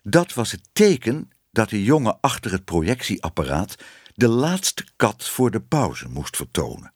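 Male audiobook narrator, very animated pitch, dry close recording. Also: a little slow, breathy edge, dry recording. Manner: expressive storytelling voice. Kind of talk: audiobook reading of a children's story.

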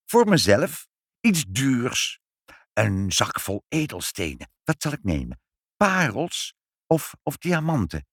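A man voicing a greedy, boastful grown man in a storybook reading, gloating and shrill, prone to fits of rage. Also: huge pitch swings, slow pace, fairly bright tone, dry recording, studio quality, exaggerated voice. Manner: gloating and shrill, yelps in pain.

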